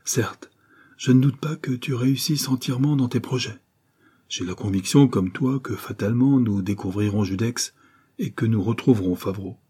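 A man's voice: mid-range voice, moderate pace, mellow, husky, natural voice. A man playing a weak, fearful male thief who pleads anxiously with his domineering lover in an audiobook.

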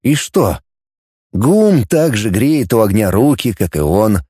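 A man narrating an audiobook in an expressive, lively reading. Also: fairly low pitch, takes it slowly, husky, no echo, studio quality. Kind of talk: scripted narration.

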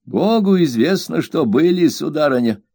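A man's voice: a little high, expressive, normal speed, creaky, mellow, slightly rough, no room sound, studio quality, pitched above the performer's own voice, heavily acted. A man voicing a blunt, stubborn, loyal woman servant in an audiobook reading. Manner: blunt, insistent.

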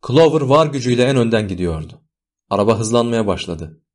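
A man reading an audiobook novel aloud in scripted, measured narration. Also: medium pitch, lively intonation.

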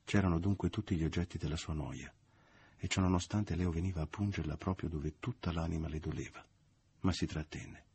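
A man narrating a classic novel as an audiobook, in a measured, subdued and expressive reading. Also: low voice, creaky, a little hiss or hum.

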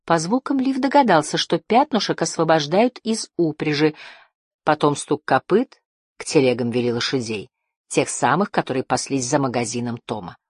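A woman narrating a children's adventure audiobook in a measured storytelling manner. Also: deep voice, expressive, darkish tone, slightly rough, no room sound, clean studio sound.

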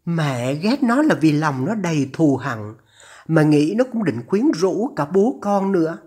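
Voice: mid-range voice, big pitch swings, unhurried, darkish tone, husky. A narrator voicing an anxious older mother on the phone, her trembling voice urgent and scolding as she pleads.

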